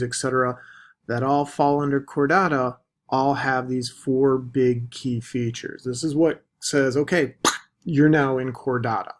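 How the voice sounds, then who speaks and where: A man teaching a recorded biology lecture, deliberately stressing the key terms. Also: mid-range voice. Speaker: biology instructor.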